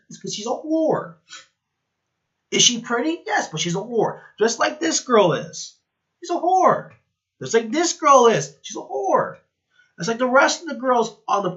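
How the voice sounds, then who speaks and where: Heated high-voiced man ranting on a vlog. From Latin America. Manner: heated, indignant, rising to loud outbursts. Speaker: commentator. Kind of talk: ranting reaction commentary. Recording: dull lo-fi audio.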